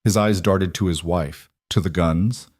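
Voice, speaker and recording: A man narrating a scripted Western story in a steady, measured way. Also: deep voice, dry recording, studio quality.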